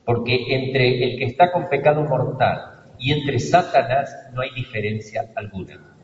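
An Argentine priest preaches a sermon with emphatic stresses and quiet asides. His voice is heard from a distance in a long, echoing church. The sound is dull, with faint noise behind it. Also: mid-range voice, measured pace. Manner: emphatic preaching, swings between loud stresses and hushed asides.

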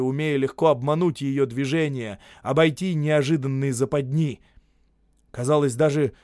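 A man's voice: medium pitch, a little mellow, no room sound, studio quality. Male narrator reading dramatic prose. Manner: measured, dramatic storytelling. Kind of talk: audiobook reading of literary prose.

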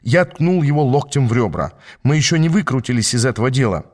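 A man narrating a fantasy novel in the first person. He reads in a steady, even storytelling voice, with an ordinary pitch for a man. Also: brisk. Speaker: audiobook narrator.

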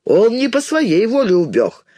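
A man's voice: sits high, wildly swooping pitch, measured pace, warm tone, no room sound, pitched above the performer's own voice, exaggerated voice. Storybook elder: a stern bearded old fisherman, voiced by a male reader, scolding, dry sound. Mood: pleading. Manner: stern, reproachful.

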